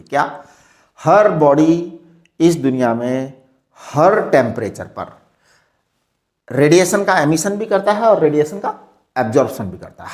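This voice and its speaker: A male physics teacher, speaking in a slightly high, very animated voice. He talks slowly and deliberately, repeating key phrases as if dictating notes. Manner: asks the class checking questions. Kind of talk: classroom lecture.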